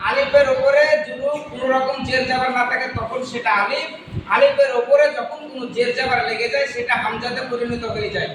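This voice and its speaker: A man teaching Arabic pronunciation in a madrasa classroom, quizzing pupils on letters and drawing out sounds slowly. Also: very high-pitched. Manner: drills letters with questions, slow drawn-out sounds. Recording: echoey classroom from far off, noisy.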